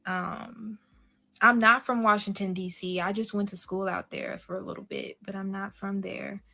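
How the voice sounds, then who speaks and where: A woman's voice: mid-range voice, little pitch movement, moderate pace, creaky, pushed and bright. A woman from Seattle talks casually on a live stream, drifting from one thought to the next. She speaks straight to her viewers and answers their comments in an easy, rambling way. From Seattle, USA. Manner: chatty, rambling, addresses the live chat directly.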